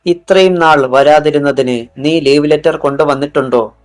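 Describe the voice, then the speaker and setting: A man's voice: fairly high pitch, normal speed, faint music behind, natural voice. Cold, scolding teacher in an audiobook; male narrator reads her. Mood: demanding. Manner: scolding, contemptuous. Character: harsh scornful woman schoolteacher, middle-aged.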